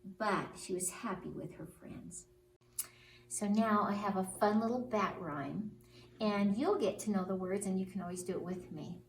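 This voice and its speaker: A woman telling stories to young children in an animated story-time style. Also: mid-range voice, normal speed. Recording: roomy, distant mic, faint noise.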